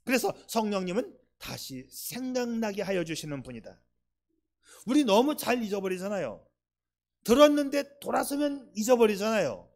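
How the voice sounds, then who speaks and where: A male pastor preaching a sermon, emphatic, swinging between loud stresses and soft asides, and putting rhetorical questions to the congregation. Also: sits high, big pitch swings, normal speed.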